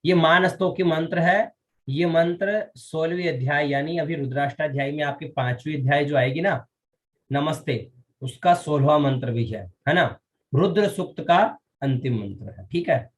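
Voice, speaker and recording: A man teaching a Vedic ritual class, explaining rites and chanting mantras slowly, syllable by syllable, and often asking his students if they follow. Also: a little high. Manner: often checks with students, asking "all right?".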